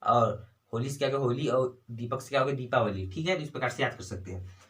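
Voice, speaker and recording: A man's voice: mid-range voice, fairly quick, fairly bright tone, a little hiss or hum. A man with a Chhattisgarhi Hindi accent teaching an exam-prep lesson, asking himself questions and answering them, with frequent "ठीक है" and "है ना" tags. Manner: repeats "ठीक है" and "है ना", asks and answers own questions. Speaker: exam tutor.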